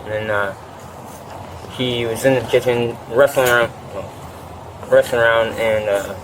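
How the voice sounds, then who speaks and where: A man questioned outdoors by a deputy, retelling a fight in a rambling, profane way and often clearing his throat, picked up by a body camera. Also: mid-range voice. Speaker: witness interviewed by deputy. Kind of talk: bodycam interview, agitated retelling. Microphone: officer's body camera. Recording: noisy outdoor bodycam audio.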